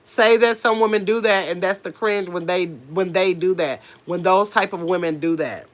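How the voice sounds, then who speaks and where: Speaking at a moderate pace in a lowish voice, a middle-aged livestream host sounds very nasal and blocked up from an approaching cold. Near her phone or webcam mic, she talks freely and at length, answering chat directly with sassy comebacks and meandering asides.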